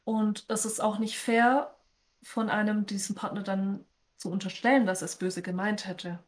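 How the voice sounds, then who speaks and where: A woman guest on a podcast, calmly explaining her points in conversation. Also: medium pitch, normal speed. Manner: calm, explanatory.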